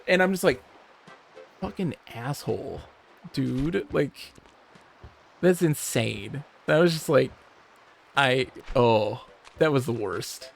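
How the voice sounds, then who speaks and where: A man from Michigan, livestreaming, who tells animated, swear-laced stories and reads chat aloud. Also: mid-range voice, takes it slowly, vocal fry, long pauses. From Michigan, USA. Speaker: streamer. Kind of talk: casual storytelling while livestreaming a game.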